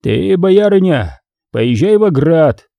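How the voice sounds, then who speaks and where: A man's voice: on the high side, big pitch swings, takes it slowly, creaky, dry recording, dull audio, pitched above the performer's own voice, heavily acted. A man voicing a blunt, stubborn guard sergeant in an old tale. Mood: evasive. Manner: blunt, evasive then indignant. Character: stubborn male guard sergeant, prince's servant.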